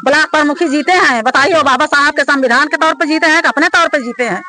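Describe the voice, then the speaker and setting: A man with a bright, high voice presses his complaint on a reporter, insistent and pleading, calling him sir again and again. He speaks in an impassioned way, directly to the reporter. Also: fast talker, a little hiss or hum. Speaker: local community member.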